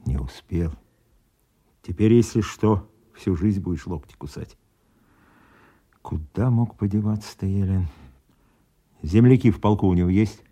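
A weary major in a military drama. His voice is low, dark and husky, and he questions his men with curt, menacing authority. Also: a little slow, long pauses. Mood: grim. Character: stern, weary army major interrogating his soldiers.

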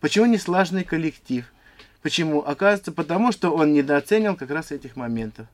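A man in his fifties, an institute director, answering interview questions in an earnest, explanatory, slightly halting way. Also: on the high side, lively intonation. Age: 50s.

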